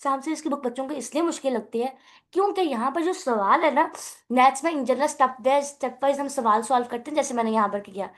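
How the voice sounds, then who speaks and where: High-voiced woman teaching math. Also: a little fast. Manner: explanatory, often checks if students follow; mixes English terms into Hindi. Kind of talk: classroom lecture.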